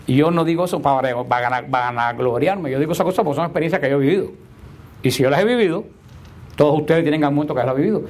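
A man's voice: a little high, darkish tone. Emphatic male preacher. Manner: emphatic, repeats rhetorical questions, shifts between slow stress and quick asides.

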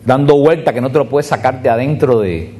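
A man's voice: medium pitch, mellow. A man gives a sermon at a retreat, talking straight to his listeners. He repeats his points and draws out the important words. A faint noise sits underneath his voice. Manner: speaks to a group, direct and repetitive, slowing on key words. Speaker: retreat preacher.

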